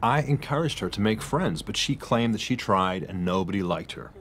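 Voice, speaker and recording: An actor playing an earnest, worried middle-aged husband confiding in a doctor in a radio drama. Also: male voice, on the low side, lively intonation, normal speed, a bit bright, slight background noise. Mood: troubled, confiding.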